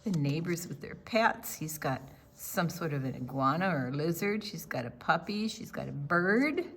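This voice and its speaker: A husky, low-sitting voice belongs to an older woman reading a story to small children. She goes deliberately and with expression, often turning to the kids with chatty remarks and questions.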